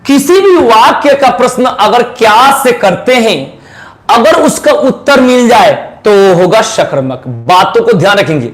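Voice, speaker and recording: A male teacher giving an exam-prep grammar lesson, who quizzes his students with repeated questions and says example sentences slowly. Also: extremely high pitch. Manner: repeats key answers as quiz questions to students.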